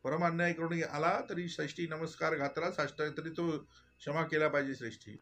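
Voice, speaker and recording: A man giving a devotional discourse, full of rhetorical questions and swinging between soft murmurs and loud exclamations. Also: on the high side, little pitch movement, a little fast. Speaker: spiritual teacher.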